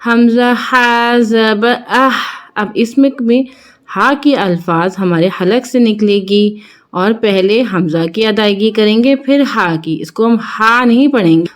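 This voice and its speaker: A woman teaching a children's Quran reading lesson, patiently drilling syllables one at a time with a Pakistani Urdu accent. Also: mid-range voice. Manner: patient, repeats syllables slowly and drills them. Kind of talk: children's lesson, spelling out letters.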